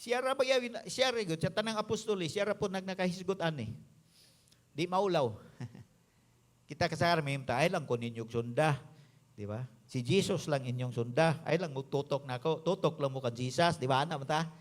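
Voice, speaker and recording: A male pastor with a Visayan Filipino accent delivers an emphatic sermon, moving back and forth between English and his local language. His voice is a little high, and he speaks at a normal speed.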